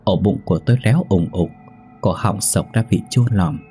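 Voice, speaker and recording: A man narrating a ghost story in a steady, measured reading. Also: sits low, faint music behind.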